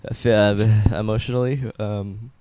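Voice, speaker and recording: A man's voice: fairly low pitch, level tone, normal speed, background noise. A man co-hosting a casual group podcast, talking in a laid-back, drawling way and often laughing. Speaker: podcast co-host.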